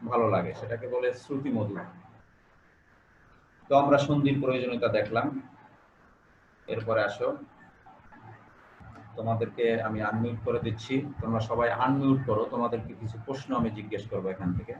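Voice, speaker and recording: A man's voice: medium pitch, fairly quick, long pauses, reverberant, dull audio, background noise. A male teacher giving an online class, explaining step by step, repeating key phrases and putting questions to his students. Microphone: video call.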